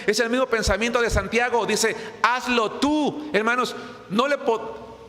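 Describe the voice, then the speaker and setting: A man's voice: very high voice, fairly even intonation, normal speed, sharp tone. A man preaching a sermon, earnest and repetitive, often calling out to his listeners as brothers. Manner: earnest, repeats phrases and addresses the congregation as brothers. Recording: long hall reverb.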